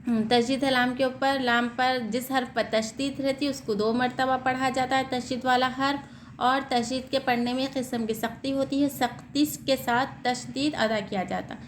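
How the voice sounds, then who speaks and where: A woman teaching Quran reading, asking questions and answering them herself, then spelling out and reciting words slowly. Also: sits high, slight background noise. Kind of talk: step-by-step recitation lesson.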